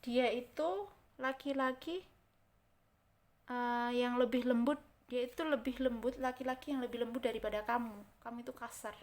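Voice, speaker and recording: A woman's voice: a little high, a little mellow. A woman with an Indonesian accent teaching English grammar. She repeats example words and keeps checking that her listeners follow. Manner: repeats example words slowly, checks understanding with "kan?" and "oke?". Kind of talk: explaining grammar in a recorded lesson.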